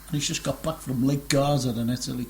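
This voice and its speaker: Jokey, gravelly radio host. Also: male voice, mid-range voice, fairly even intonation, fast talker, darkish tone, a little hiss or hum. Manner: jokey, rambling, laughs often. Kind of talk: casual chat show banter.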